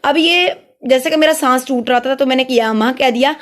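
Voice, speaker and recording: Woman, high voice, patient tajweed teacher, slow drawn-out demonstrations. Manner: slow, drawn-out demonstration of each word, then explanation. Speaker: Quran recitation teacher. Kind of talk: step-by-step tajweed lesson.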